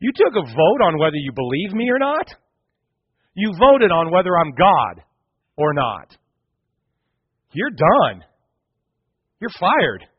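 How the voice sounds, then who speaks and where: A man voicing God as a male figure, giving loud, raised, emphatic commands. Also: high-pitched, very animated, slow pace, pauses often, husky, dry recording, in a large hall, highs cut off, full character voice. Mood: commanding.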